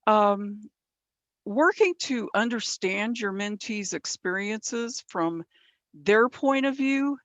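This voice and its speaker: A woman from San Bernardino County, California, leads a mentoring training session, walking through it step by step and often checking in with "right?" Her mid-range voice sounds a little worn, as she's losing it. The audio is dull, with no room sound.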